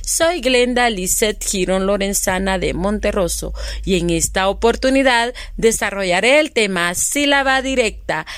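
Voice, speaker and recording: A woman from Guatemala teaching a lesson to young children, speaking slowly, drawing out syllables, asking questions and praising the answers. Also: mid-range voice, fairly bright tone, dry recording.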